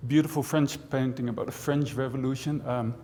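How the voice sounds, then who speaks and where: A mellow, mid-range male voice moves fairly quickly with fairly even intonation. He is a professor who grew up in the Netherlands, giving a casual conference talk with dry humor and frequent asides. The large auditorium adds long hall reverb.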